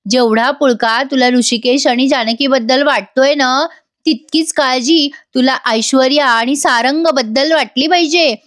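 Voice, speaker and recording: A woman's voice: high-pitched, a little slow. A woman voicing a stern elderly grandmother who lectures and warns. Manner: sharp, warning, lecturing.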